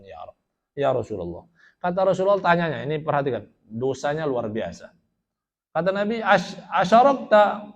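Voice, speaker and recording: A man's voice: on the high side, lo-fi sound. A male preacher giving a storytelling sermon to a study gathering, quoting Arabic and then explaining it in plain talk, often asking his listeners questions. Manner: asks the audience rhetorical questions.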